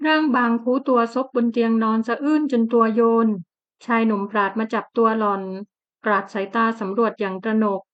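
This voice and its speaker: Woman reading a romance novel, kinda high voice, steady pace, muffled audio. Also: moderate pace, clean tone. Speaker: audiobook narrator. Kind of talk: scripted romance narration.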